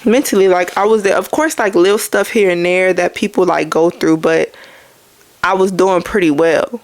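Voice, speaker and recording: A woman's voice: fairly low pitch, fairly even intonation, moderate pace, no echo. A young woman hosting her own podcast, chatting casually about faith and addressing listeners as y'all. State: out of breath. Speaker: podcast host.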